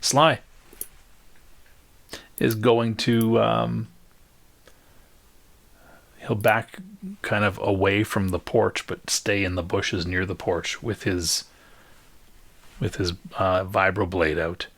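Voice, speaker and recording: A man acting as game master, narrating a tabletop game and patiently explaining rules and scenes with many pauses and fillers. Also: lowish voice, fairly even intonation, vocal fry, a bit bright, no echo.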